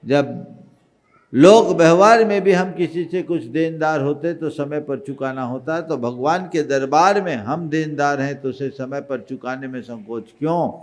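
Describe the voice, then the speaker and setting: A man giving a sermon as a monk, scolding with rhetorical questions and swinging between loud stress and quiet asides. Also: fairly high pitch, measured pace. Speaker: Jain monk giving a discourse.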